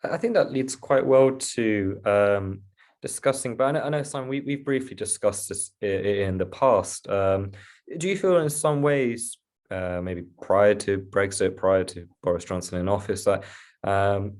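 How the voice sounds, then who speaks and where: A man's voice: fairly low pitch, measured pace, a little mellow. A man hosting a conversational interview, hesitant as he feels his way through his questions. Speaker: host, interviewer.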